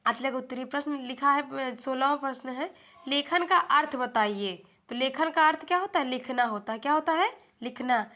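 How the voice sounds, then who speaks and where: A young woman with a high, bright voice teaches an exam-prep lesson. She often puts a question to the viewer and answers it herself, keeping a steady teaching rhythm. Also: moderate pace. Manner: repeats questions back to the viewer, calls them friends.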